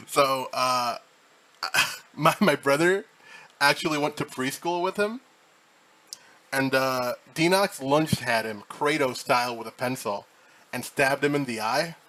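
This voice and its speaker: A man's voice: medium pitch, slow, long pauses, bright, forceful tone. A man hosting a casual podcast chat, swearing, joking and rambling with many restarts. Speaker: host.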